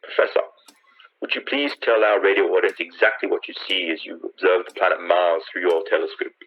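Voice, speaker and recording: A man's voice: sits low, fairly quick. A man acting an earnest, courteous radio field commentator reporting formally in a vintage-style radio play. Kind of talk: scripted 1930s radio drama acting. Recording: dull lo-fi radio sound.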